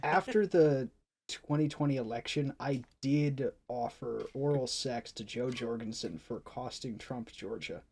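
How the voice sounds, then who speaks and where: A man playing in a tabletop game, making deadpan ironic jokes in casual banter. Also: medium pitch, a little slow, gravelly, breathy edge. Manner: deadpan joking, dry ironic asides. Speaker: player.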